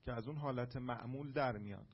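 A man in a class offering a hesitant answer, pausing often to search for words. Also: mid-range voice, slightly rough, muffled recording. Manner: hesitant, with pauses and fillers. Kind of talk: hesitant spoken comment in class.

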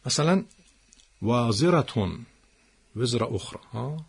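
A man teaching the stress rules of Quranic Arabic, patiently repeating words slowly. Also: mid-range voice, expressive, gravelly, breathy edge.

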